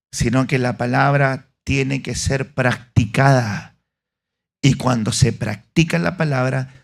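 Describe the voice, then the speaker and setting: A man, a pastor with a Chilean accent, preaching an animated sermon in a church and acting out the scenes he describes. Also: medium pitch, vocal fry. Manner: animated, acts out scenes with voices. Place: church, live congregation.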